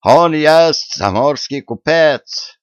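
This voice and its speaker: A man's voice: fairly high pitch, animated, extremely slow, clean tone, no echo, pitched above the performer's own voice. A man doing a fussy German-accented merchant with broken grammar; dry, muffled read. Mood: pompous. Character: pompous foreign merchant, man, mangled speech. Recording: dull, lo-fi dry audiobook.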